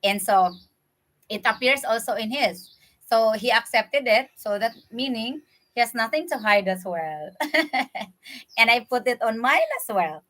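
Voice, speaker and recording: A woman's voice: a little high, animated, a little slow, a bit bright. A woman with a Filipino accent, chatting with viewers during a casual livestream as she eats, laughing often. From Philippines. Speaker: livestream host. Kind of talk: casual livestream chat while eating. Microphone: computer webcam mic.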